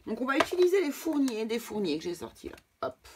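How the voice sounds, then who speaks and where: A woman's voice: a little high, big pitch swings, a little fast, noisy background. Hesitant French woman reading tarot cards. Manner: hesitant, repeats words, many fillers. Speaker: tarot card reader. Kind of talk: casual tarot reading video.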